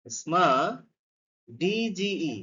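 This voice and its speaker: A man's voice: sits high, very animated, drawn-out words, a bit bright, husky, highs cut off. A man teaching a beginners' spelling lesson. He spells each word letter by letter, then sounds it out syllable by syllable. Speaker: phonics teacher.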